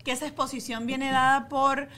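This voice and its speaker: A woman's voice: sits high, level tone, moderate pace, sharp tone. A woman hosting a casual podcast, asking short questions and adding her own thoughts. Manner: attentive, prompting with short questions. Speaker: podcast host.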